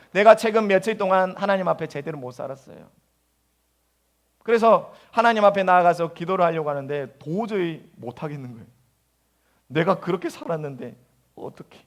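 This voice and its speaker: A male pastor preaching a sermon in a church, acting out anguished prayers in a voice that jumps higher. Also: lively intonation, normal speed, pauses often. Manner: acts out anguished prayers in a high voice. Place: church sanctuary.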